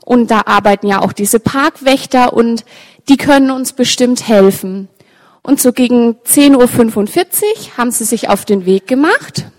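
A woman telling a story with pictures to an audience, talking straight to her listeners in a lively way. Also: a little high, moderate pace. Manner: lively, direct address to listeners. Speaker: storyteller for children. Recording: long reverb, large hall.

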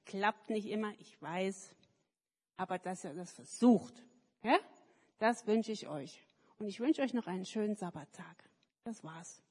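A woman telling a story to children at a church service, lively and turning to ask them questions. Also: mid-range voice, measured pace, husky. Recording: echoey hall.

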